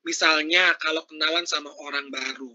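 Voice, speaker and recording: A man's voice: on the high side, steady tone, fairly quick, bright, forceful tone, dull audio. A man giving a casual, interactive workshop talk over a video call. He chats freely and keeps asking his audience questions. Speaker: workshop speaker.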